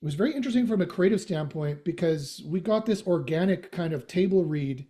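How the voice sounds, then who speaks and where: A middle-aged man from Western Canada, with a slight Canadian accent, is a guest on a podcast in a casual interview chat, full of fillers, restarts and joking asides. His voice is high, expressive and brisk, with a dark tone.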